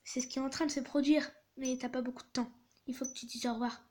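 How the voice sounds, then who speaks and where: A woman voicing a kindly but ominous middle-aged train conductor from a spooky text-message story, speaking calmly and softly. The voice sits high and light for a man. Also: fast talker, slight background noise, close to an everyday voice. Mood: gently grave.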